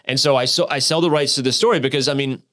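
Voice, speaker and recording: A man in his thirties, a guest on a podcast, tells his story in a loose, conversational way. He swears freely and stacks up fillers and restarts. He gets animated as the story builds. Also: medium pitch, quick pace. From Arizona, United States. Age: 30s. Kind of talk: casual storytelling interview.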